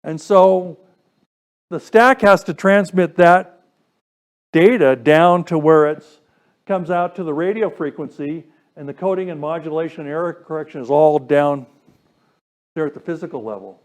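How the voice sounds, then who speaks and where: At normal speed and with a higher-leaning voice, a man leads a relaxed technical session for a radio club. He breaks each point down step by step and asks the room questions.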